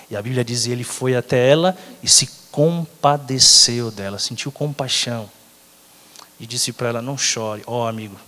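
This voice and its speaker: A man's voice: medium pitch, sharp tone. A man with a Brazilian accent preaching a sermon as a pastor, talking conversationally and often checking in with the congregation. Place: church sanctuary. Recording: long church hall reverb.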